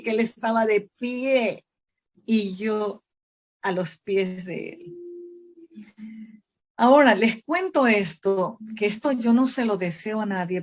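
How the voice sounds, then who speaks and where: A woman missionary telling a personal testimony during a church Bible study, swinging between loud, pleading bursts and hushed, tearful lows. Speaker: missionary preacher.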